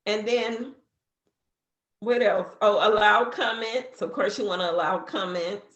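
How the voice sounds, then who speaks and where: This woman in her fifties, a social media business coach, gives a relaxed how-to walkthrough of an app for a beginner, chatting with plenty of fillers. She speaks unhurriedly in a medium, slightly bright voice, and the sound is roomy.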